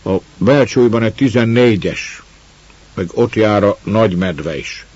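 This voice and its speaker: A man's voice: fairly low pitch, expressive, darkish tone, breathy edge, voice pushed up. A man voicing a grumbling forest guard of the mountains, in a dull lo-fi recording.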